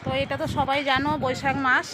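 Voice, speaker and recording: A woman's voice: high-pitched, flat delivery, fast talker. A woman narrating a casual on-the-spot vlog outdoors, calling out to the people around her as she goes. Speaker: vlogger. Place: outdoors in a busy temple courtyard. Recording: noisy outdoor crowd with traffic. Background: loud crowd chatter, street and vehicle noise.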